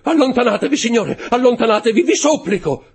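A man's voice: on the low side, moderate pace, pitched above the performer's own voice, close to an everyday voice. A man doing a panicked, terrified male steward. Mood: desperate. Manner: pleading, shouting in panic. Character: anxious, terrified male steward with a guilty secret.

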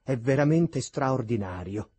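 A man's voice: medium pitch, animated, measured pace, dark tone, breathy edge, dry recording. A man reading the lines of a fond, eager noblewoman, effusive and inquisitive. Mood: puzzled. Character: fond, eager aristocratic woman, gushing.

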